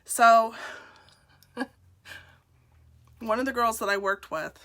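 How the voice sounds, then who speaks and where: A woman's voice: a little high, fairly even intonation, takes it slowly, a bit bright. A woman in her forties telling her personal story to the camera, candid and self-deprecating, laughing often. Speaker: nurse and direct seller.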